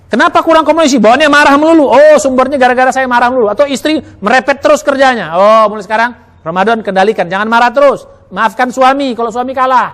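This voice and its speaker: A man preaching a Ramadan sermon in a mosque, acting out inner thoughts with lively "oh" asides. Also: very high voice. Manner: lively, acts out inner dialogue with many "oh" asides.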